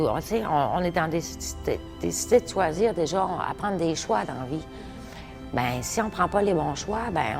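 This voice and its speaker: A woman giving a hopeful, emphatic personal testimony. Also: fairly low pitch. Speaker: interviewee.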